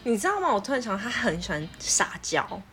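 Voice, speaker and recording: A woman's voice: mid-range voice, sing-song, fairly quick, fairly bright tone. A woman co-hosting a podcast in casual chat who talks with force. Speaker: podcast co-host. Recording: music playing underneath.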